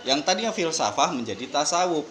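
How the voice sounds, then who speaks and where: A man's voice: a little high, big pitch swings, fairly quick, fairly bright tone. A man with an Indonesian accent, a guest on a casual podcast, explaining Sufi ideas with everyday examples and a joking ease. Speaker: guest speaking on Sufism.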